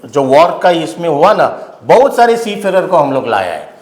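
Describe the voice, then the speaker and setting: An older man, a union general secretary, giving blunt, halting answers in an interview and often restarting his phrases. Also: a little high, sing-song. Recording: roomy studio echo.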